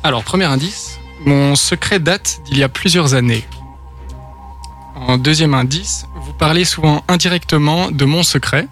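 A man appearing as a radio guest, reading out clues about his secret in a calm, measured way. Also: fairly high pitch, soft background music. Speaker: studio guest.

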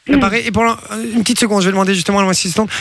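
Man, radio host, high gravelly voice, fast and playful, dry studio sound. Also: steady tone, a bit bright, no echo. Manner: quick, playful, teasing. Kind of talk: prank call and studio banter.

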